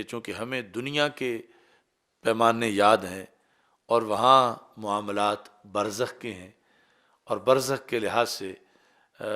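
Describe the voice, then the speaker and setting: Man giving a measured religious lecture. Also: medium pitch, bright, forceful tone. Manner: measured explaining, breaks into brisk Arabic recitation. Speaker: Islamic scholar.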